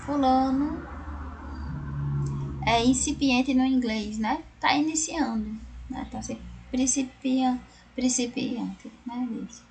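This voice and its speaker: Brazilian woman teaching, gravelly tone. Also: high-pitched, fairly even intonation, slow pace, darkish tone. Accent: Brazilian Portuguese. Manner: explanatory, frequent tag questions. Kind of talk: recorded online class.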